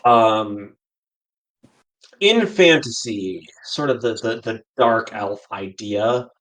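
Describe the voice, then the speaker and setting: A man's voice: medium pitch, low-quality recording. A man co-hosting a casual podcast, explaining mythology and fantasy tropes in long, opinionated stretches. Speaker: podcast co-host. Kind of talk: casual chat.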